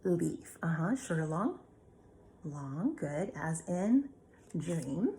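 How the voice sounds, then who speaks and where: A woman's voice: low voice, very animated, very slow, mellow, slight background noise. A woman teacher giving a remote phonics lesson, patiently asking questions and answering them herself. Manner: patient, asks and answers her own questions.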